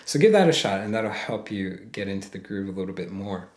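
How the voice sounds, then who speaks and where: A man's voice: on the low side, expressive, brisk. A man teaching a ukulele lesson step by step, patiently calling out frets and counting beats aloud. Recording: roomy sound with loud ukulele playing.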